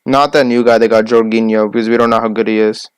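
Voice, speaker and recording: A young man co-hosting a casual sports podcast, listing names quickly and arguing his picks. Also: lowish voice, flat delivery, clear, resonant tone, no room sound. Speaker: podcast co-host.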